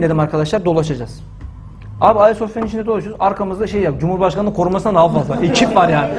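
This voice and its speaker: A man with a husky, high-set voice tells his story at a quick clip. He is animated and indignant, and he leans into every quoted line of dialogue. It is casual spoken storytelling. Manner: animated, acts out quoted dialogue with frequent "dedim"; indignant and emphatic.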